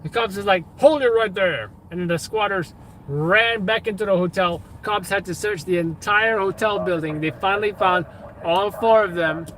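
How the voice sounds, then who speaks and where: High-voiced man, casual vlog commentary over noise. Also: moderate pace, pushed and bright, poor audio. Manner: informal, meandering. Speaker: livestreamer filming street incidents. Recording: outdoor recording with clear background noise.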